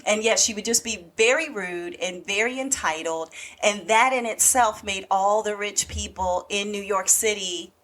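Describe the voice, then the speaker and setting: Woman, podcast co-host, casual chat, filler-heavy, medium pitch. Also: moderate pace, fairly bright tone. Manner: chatty, lots of fillers and asides.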